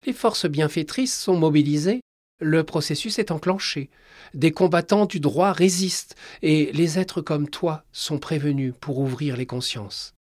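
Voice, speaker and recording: A man voicing a wise male companion who speaks gently and with affection. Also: on the high side, measured pace, no echo, clean studio sound, voice pushed up. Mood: gentle. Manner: gentle, soft.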